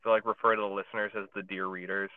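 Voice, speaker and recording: A man with a lowish voice races through casual, rambling chat as a podcast co-host in his parked car, full of fillers and restarts. His tone stays level. The dry recording, made on a phone over a podcast app, sounds tinny like a phone line.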